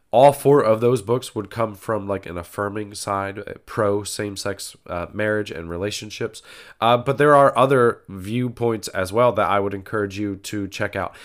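A man hosting a podcast, sounding nasal from a cold, talking in a measured way with frequent fillers. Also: lowish voice, a bit bright. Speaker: podcast host. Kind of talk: casual podcast intro.

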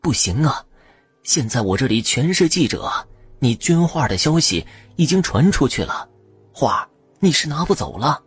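A man's voice: medium pitch, sing-song, normal speed, breathy edge, no echo, soft background music, voice pushed up. A man playing a fawning middle-aged museum director in an audio story, speaking in an ingratiating way. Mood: hushed.

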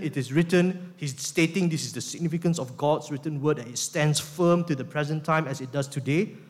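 Emphatic male pastor preaching in a reverberant hall. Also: mid-range voice. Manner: emphatic, slows down to stress key words. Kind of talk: sermon.

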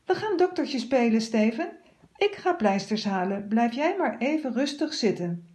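A woman's voice: on the high side, lively intonation, normal speed, a little mellow, natural voice. A woman voicing a bossy, sweet little girl in a storybook, with a sugary, coaxing manner. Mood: excited.

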